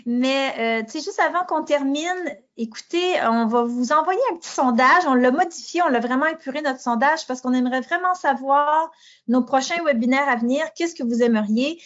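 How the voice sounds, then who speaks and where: A woman with a Quebec French accent co-hosts an online webinar for teachers. She talks in a chatty, informal way with a slightly high voice. The video call audio is dull and lo-fi. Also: normal speed, a bit bright. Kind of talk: webinar hosting.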